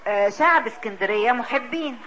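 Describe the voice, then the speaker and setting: Egyptian woman, religious speaker, storytelling talk, bright and hesitant, light noise behind. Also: a little high, lively intonation, poor audio. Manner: halting, full of fillers, laughs often.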